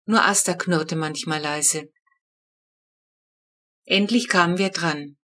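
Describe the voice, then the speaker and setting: A woman narrating a children's book with lively, expressive storytelling. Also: fairly low pitch, takes it slowly. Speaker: audiobook narrator.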